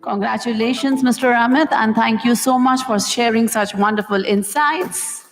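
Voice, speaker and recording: A woman's voice: a little high, steady tone, normal speed. A woman hosting a formal award ceremony on stage, polite and effusive, thanking guests and inviting them up one by one. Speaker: event host. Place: large event hall. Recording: hall reverb with music behind.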